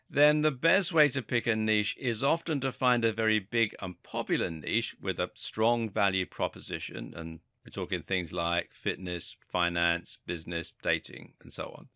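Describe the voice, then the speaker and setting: A man narrating a scripted marketing lesson in a measured, explanatory way. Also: on the low side, gravelly, pushed and bright, no room sound, studio quality. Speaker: course instructor.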